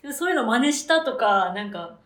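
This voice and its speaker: A woman's voice: on the high side, lively intonation, fast, roomy sound. A woman co-hosting a casual chat, reacting often with short responses and questions. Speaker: podcast co-host.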